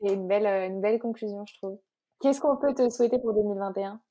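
A woman's voice: medium pitch, fast talker, mellow. A woman hosting a podcast interview, asking friendly questions with short, upbeat interjections. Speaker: podcast host. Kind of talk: casual interview.

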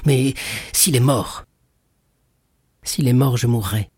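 A man reading aloud voices a jealous, brooding young man who speaks slowly and darkly in a storybook. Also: darkish tone, breathy edge, dry recording, clean studio sound. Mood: desperate. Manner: slow, low and somber.

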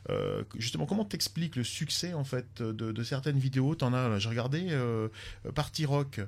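Male radio host, mid-pitch, playful interviewer. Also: very animated, normal speed, vocal fry. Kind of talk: radio chat.

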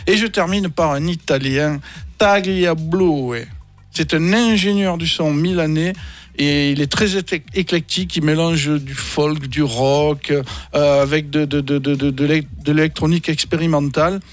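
A man's voice: fairly high pitch, measured pace, no echo. A man on a radio show presenting electronic tracks, enthusiastic and full of hesitant fillers.

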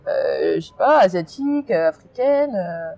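A woman from France being interviewed, talking in an emphatic, animated way with many restarts. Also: fairly low pitch, measured pace, vocal fry, muffled recording. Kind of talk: casual interview.

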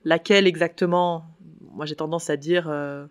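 A woman's voice: low-pitched, steady tone, normal speed. A woman hosting a podcast, talking casually in a chatty commentary with frequent fillers, a little tired. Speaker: podcast host.

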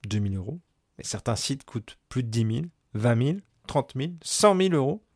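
A man's voice: mid-range voice, a little mellow, no room sound, clean studio sound. A man with a bad cold and a congested, nasal, duck-like voice, hosting a solo podcast in an explanatory way. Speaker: podcast host and business coach.

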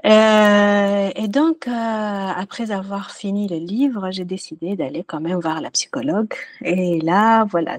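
A woman's voice: medium pitch, darkish tone, no echo. Earnest woman telling her story, dry sound. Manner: earnest and reflective, pausing to search for words. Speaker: podcast guest, music therapist. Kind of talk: casual personal storytelling in an interview.

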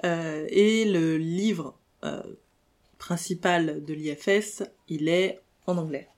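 A woman's voice: fairly low pitch, slow pace, a little mellow. A young French woman talking casually in a solo podcast, hesitant and self-correcting, with many fillers and self-deprecating asides. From France. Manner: laughs between lines, self-deprecating. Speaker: podcast host.

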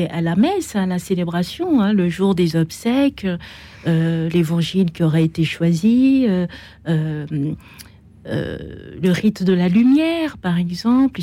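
A woman's voice: fairly low pitch, mellow. A woman talking as a guest in a radio interview, encouraging, and hesitant when she explains things. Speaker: studio guest. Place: dry radio studio.

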